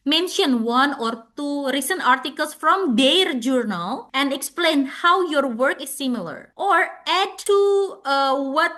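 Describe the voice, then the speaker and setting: High-voiced Indonesian woman lecturing. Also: lively intonation, slow pace, few pauses, pushed and bright. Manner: explanatory, repeats words and restarts. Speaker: webinar speaker. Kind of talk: online lecture.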